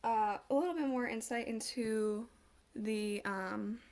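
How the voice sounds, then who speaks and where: Congested woman tarot reader, slightly high voice, halting delivery, audible background noise. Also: a little mellow. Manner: halting, with pauses and apologies. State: congested, recovering from a cough. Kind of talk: casual tarot reading.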